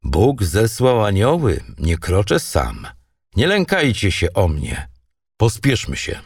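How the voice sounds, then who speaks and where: Man reading commanding young viking king, terse orders, lowish voice, animated delivery, dry distant mic. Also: slow pace, slightly rough, no room sound, heavily acted. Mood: resolute. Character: young proud Norse king, fierce and commanding.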